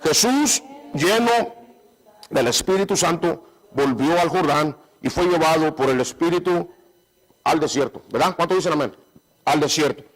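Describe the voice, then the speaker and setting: High-voiced man preaching with call-and-response. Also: expressive, normal speed, low-quality recording. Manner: call-and-response, repeating "¿cuántos dicen amén?" and "hermanos"; swings between loud raised phrases and low quiet asides. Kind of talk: sermon. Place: church.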